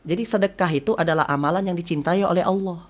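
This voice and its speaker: A young man, a talk show guest, telling a story with lots of animation and acting out every line of dialogue. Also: quick pace. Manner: acts out dialogue, swinging pitch and loudness.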